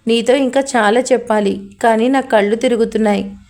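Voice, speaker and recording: A woman's voice: on the high side, fairly even intonation, moderate pace, a little mellow, lightly acted. A woman voicing a drunk, heartbroken young woman in a spoken love story, pleading tearfully.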